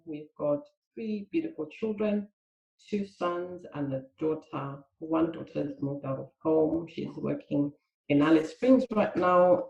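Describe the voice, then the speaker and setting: A woman's voice: low-pitched, creaky. A middle-aged woman with a Zimbabwean accent, a podcast guest speaking in an articulate, reflective way. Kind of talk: casual podcast interview. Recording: dull, roomy recording.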